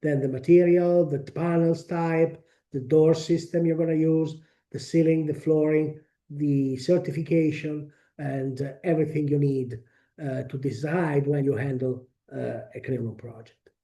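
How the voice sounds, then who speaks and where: A man with a strong Italian accent presenting a technical webinar, speaking haltingly with frequent pauses and restarts. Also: on the high side, steady tone, mellow. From Italy. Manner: halting, many fillers and restarts.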